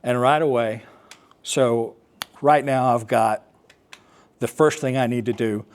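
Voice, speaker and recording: In a personal storytelling talk before an assembly, an American man recounts working as an air traffic controller. He has a medium-pitched voice and explains things in a halting way, pausing often.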